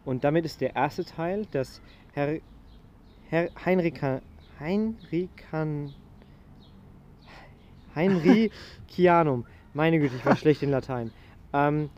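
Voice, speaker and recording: A man's voice: a little high, normal speed, darkish tone, lo-fi sound, slight background noise. A man in a casual study discussion, talking hesitantly with many fillers and restarts. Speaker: student discussing a historical document.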